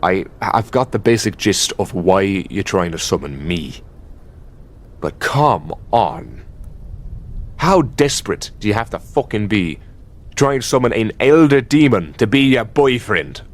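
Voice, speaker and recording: Swearing freely, an Irish elder demon boyfriend, performed by a man in a fairly low voice, delivers an intimate ASMR monologue. He's animated yet weary, exasperated and possessive, mocking his listener in halting, conversational bursts.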